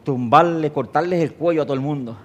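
A man's voice: fairly high pitch, brisk. A middle-aged man preaching a sermon, telling stories with laughter. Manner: animated storytelling, laughing, acting out voices. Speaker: pastor.

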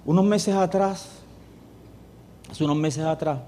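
A man's voice: on the high side, slow, a little hiss or hum. A middle-aged man, a pastor preaching a sermon and acting out dialogue as he tells a story. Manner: animated storyteller, acts out dialogue.

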